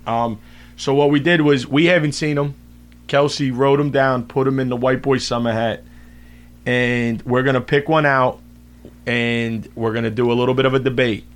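A young man co-hosting a laid-back chat. His voice sits at a middling pitch, and he jokes around, often stammering and restarting his lines. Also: steady tone, moderate pace. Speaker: podcast co-host. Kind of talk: casual chat.

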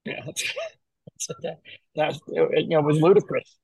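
A man's voice: on the high side, huge pitch swings, a little slow, creaky, darkish tone, husky, dry recording, low-quality recording. An older man, a running coach, talking casually in an interview, rambling and repeating the starts of his phrases.

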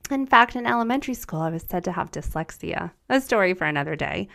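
A woman in her forties from the United States, a native German speaker, hosts a solo podcast with a scripted monologue. She sounds upbeat, encouraging, and earnest, and her fairly low, fairly bright voice is expressive, fast, and creaky.

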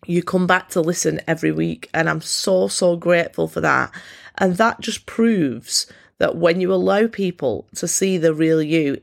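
A woman hosting a solo self-help podcast, talking candidly and encouragingly in a croaky, froggy voice with a congested nose. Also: fairly low pitch. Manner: candid, informal, encouraging, swears freely. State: congested, snotty nose from a cold. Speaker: podcast host.

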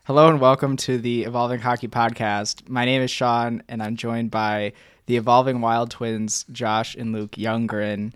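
An American man hosts a podcast in a relaxed conversational style. His voice has an average pitch for a man and is recorded dry and close. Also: normal speed, clear, resonant tone, no room sound. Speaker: podcast host. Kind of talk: casual chat.

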